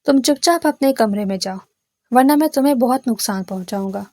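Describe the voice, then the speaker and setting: A woman's voice: fairly high pitch, a little mellow, dry recording. A woman voicing a menacing young man who is a thief, with a threatening manner.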